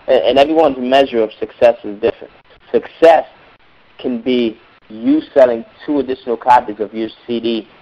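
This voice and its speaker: A music business coach, hoarse from a cold, gives a motivational teleseminar talk, speaking emphatically and repeating words for stress. His voice is a little high with a darkish tone, and the call sounds dull and lo-fi.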